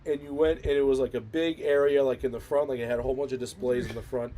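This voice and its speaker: A man with a mellow, darker voice co-hosts a casual talk show. He rambles through his stories, full of fillers and restarts. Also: mid-range voice, steady tone, quick pace. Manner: rambling, many fillers and self-corrections. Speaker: podcast co-host. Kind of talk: casual chat.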